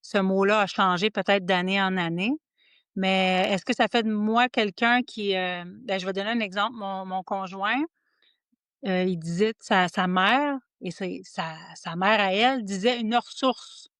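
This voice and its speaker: Woman, quebec accent, casual podcast talk, smooth clear voice, dry close sound. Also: medium pitch, measured pace, dry recording. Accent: Quebec French. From Quebec, Estrie region. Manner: chatty, many restarts, drops to quiet asides. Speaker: podcast co-host. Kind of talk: casual conversation.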